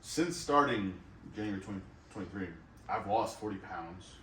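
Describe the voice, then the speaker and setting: A man's voice: fairly low pitch, animated, moderate pace, pushed and bright. A man chatting casually in informal, slangy phrases, with easygoing banter. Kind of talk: casual chat. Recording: roomy, distant mic, faint background noise.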